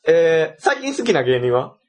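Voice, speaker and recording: A man's voice: a little high, big pitch swings, normal speed. A man in his twenties with a Kansai accent, chatting casually as a podcast co-host. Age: 20s. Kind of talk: casual chat.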